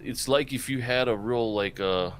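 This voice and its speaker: A man's voice: medium pitch, normal speed, a little hiss or hum. A man co-hosting a podcast, chatting in an easygoing way with short replies. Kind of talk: casual chat.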